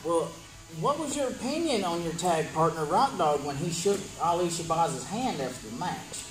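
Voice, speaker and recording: Male wrestling promo interviewer, animated pitch, announcing match cards in an echoey space with music. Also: moderate pace. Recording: echoey room with music behind.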